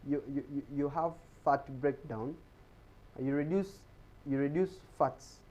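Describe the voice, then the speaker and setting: A man's voice: on the high side, a little slow, a little mellow, low-quality recording. A man giving an explanatory talk on health in a TV studio, often repeating words as he searches for them. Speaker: guest speaker on health.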